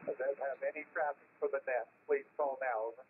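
A man running an amateur radio net as control operator. He speaks in measured, formal radio procedure, repeating his call sign, and is heard over shortwave radio with static. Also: mid-range voice, steady tone. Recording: narrow-band static-laden shortwave radio reception.

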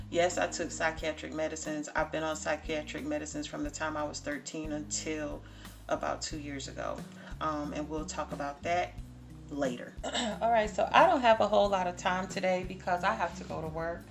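A vlogger in her forties talks casually and directly to viewers from her home kitchen, with a low-pitched, creaky voice. She speaks emphatically and repeats words for stress, recorded by a camera or phone set in front of her.

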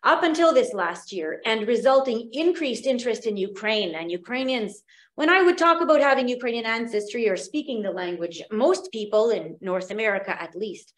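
A woman from Western Canada, reading a conference lecture in a measured, prepared way. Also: fairly high pitch, animated. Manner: measured, reads from prepared notes. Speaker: academic conference presenter. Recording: roomy, echoey room sound.

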